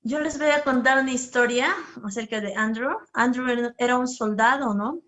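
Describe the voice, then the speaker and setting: A woman's voice: fairly high pitch, moderate pace. A woman leading a children's service, asking the kids questions and telling them a story. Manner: asks the children questions and acts out their voices; storytelling, gentle and animated. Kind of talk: children's sermon with slides.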